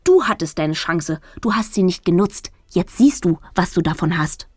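A woman voicing a gushing, tearful middle-aged mother with a sharp tongue, speaking high and sobbing. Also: lively intonation, moderate pace, slightly rough, dry recording, clean studio sound. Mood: spiteful.

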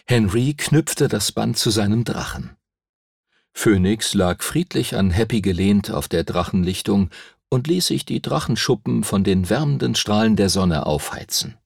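A man narrating a children's fantasy audiobook in an expressive storytelling manner. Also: lowish voice, unhurried, creaky, slightly rough, dry recording, studio quality. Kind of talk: scripted narration.

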